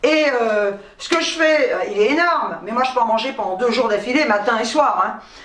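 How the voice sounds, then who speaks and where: A woman's voice: a little high, expressive, brisk, a bit bright, far from the mic. A woman chatting bluntly through her grocery haul, swearing freely and laughing at herself. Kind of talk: casual grocery haul chat. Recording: roomy echo, speaking from away from the mic.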